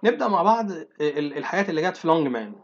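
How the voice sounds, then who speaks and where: Egyptian male English teacher going through exam answers. Slightly raised pitch, dull lo-fi recording. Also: very animated, slightly rough. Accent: Egyptian Arabic. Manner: reads English sentences slowly, then explains them briskly. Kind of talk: exam-prep lesson explaining answers.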